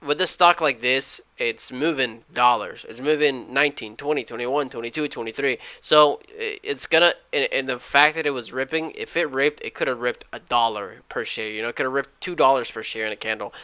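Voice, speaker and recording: A man recapping his day trades at home, talking fast and loud and often correcting himself. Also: mid-range voice, clear, resonant tone, no echo. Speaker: day trading YouTuber. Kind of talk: screen-share trade recap. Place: at home, alone.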